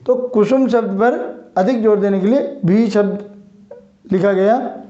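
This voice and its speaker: Male grammar teacher, mellow tone, slow and deliberate, dull lo-fi room recording. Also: high voice. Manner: slow, deliberate listing of examples. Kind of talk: grammar lesson. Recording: roomy, dull lo-fi sound.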